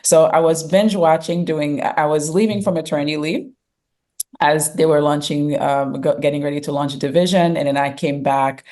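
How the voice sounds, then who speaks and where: Interview guest: middle-aged woman from Haiti, low voice, measured, thoughtful, lots of fillers. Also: fairly even intonation, warm tone. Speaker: guest, fintech founder and CEO. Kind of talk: conversational interview answers.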